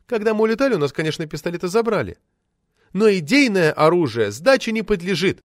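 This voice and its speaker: A zealous middle-aged woman poet rushes and declaims her words, as a man reading an audiobook puts her on. Her pitch leaps about with lively swings. The sound is dry and close. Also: no echo. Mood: fervent. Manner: rapid, declamatory. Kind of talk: audiobook character voice.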